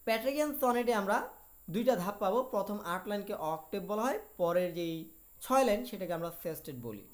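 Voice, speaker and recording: A woman's voice: medium pitch, animated, fast. Woman teaching a literature lesson. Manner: explains each point in Bengali after reading it in English; asks rhetorical questions and answers them herself. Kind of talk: video lecture.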